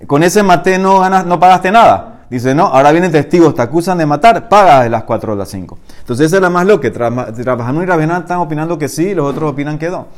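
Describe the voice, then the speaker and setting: A man teaching a Talmud class, reading the Aramaic text aloud and then explaining it, growing louder and higher when he argues a point. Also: animated, fast talker, hardly any pauses.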